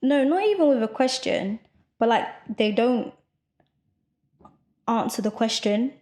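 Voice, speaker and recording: A woman co-hosting a podcast, chatting casually and quick to protest in an exasperated way. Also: a little high, expressive, darkish tone. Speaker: podcast co-host. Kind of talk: casual chat.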